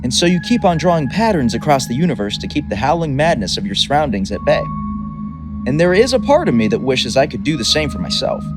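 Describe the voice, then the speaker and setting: A man's voice: medium pitch, very animated, fast, lightly acted. A man voicing a grandiose, mercurial chaos god and toymaker, theatrical and boastful, turning chatty and wry. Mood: wry, confiding. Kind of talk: dramatic reading. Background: music.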